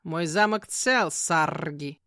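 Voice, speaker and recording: A male raven spirit, the guardian of an old family, speaks in a lowered, unhurried and weighty voice, put on by a woman narrating an audiobook. He is forceful rather than soft, and the recording is dry and close. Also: dry recording, exaggerated voice. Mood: earnest.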